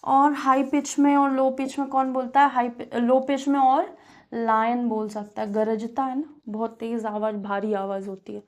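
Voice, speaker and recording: A woman teacher with a Kanpur Hindi accent leads a classroom physics lesson, talking in a fairly high voice. She explains each point slowly and repeats key terms, often pausing on fillers before she goes on. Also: steady tone. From India.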